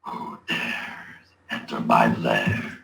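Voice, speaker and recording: A monstrous bull-headed beast from a fantasy game, huge and brutal. He draws out his threats slowly and forcefully, in a roomy sound with faint noise. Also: rumbling low, little pitch movement, gravelly, full character voice. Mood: menacing. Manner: slow, threatening delivery.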